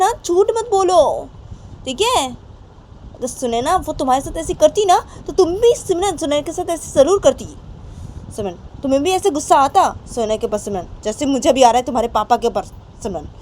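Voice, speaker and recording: A woman's voice: high voice, a little mellow, slight background noise, natural voice. A woman voicing a stern, angry mother who scolds her daughter, repeating her questions.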